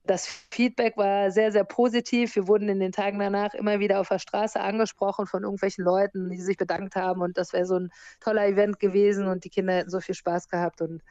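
A woman in her forties, born in America and raised in Germany, talking about her life abroad in a relaxed interview and laughing now and then. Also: medium pitch, fast talker, lo-fi sound. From born in the US, grew up in Germany. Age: 40s. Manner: lively, laughs often while telling stories. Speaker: interview guest, surf instructor and hostel owner.

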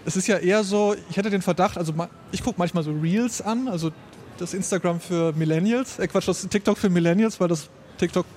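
A man's voice: high voice, brisk, a little mellow, a little hiss or hum. A man in his thirties co-hosting a panel podcast, with a wry, self-mocking way of talking. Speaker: podcast co-host. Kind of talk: casual panel discussion.

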